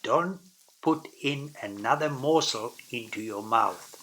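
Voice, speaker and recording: A man giving deliberate cooking advice in an instructional voice-over. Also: on the high side, animated, fairly bright tone, slight background noise. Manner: deliberate, advising.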